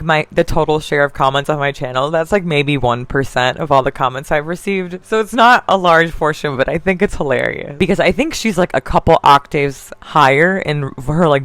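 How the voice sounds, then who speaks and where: Woman commentator, deep contralto, chatty and opinionated, lots of fillers, dry close sound. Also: no room sound. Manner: chatty, heavy on fillers, frequent restarts. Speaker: online drama commentator.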